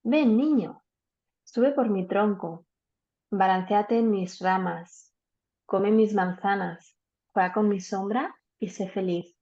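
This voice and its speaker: A gentle, selfless tree speaks softly in a storybook, voiced by a woman reading aloud. The voice is mellow and warm. The audio is dull and lo-fi, like a video call. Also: medium pitch, takes it slowly. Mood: tender.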